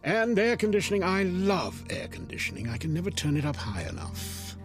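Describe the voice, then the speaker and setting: A man's voice: high-pitched, big pitch swings, brisk, music in the background. An actor playing the devil as a glib, taunting salesman in a radio drama, breezy, smug and theatrical.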